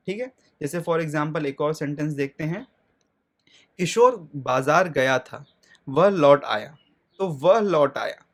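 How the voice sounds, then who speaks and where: A man teaching a grammar lesson. He asks questions and answers them himself, checks in often with listeners, and slows right down to spell out lists of words. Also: fairly high pitch.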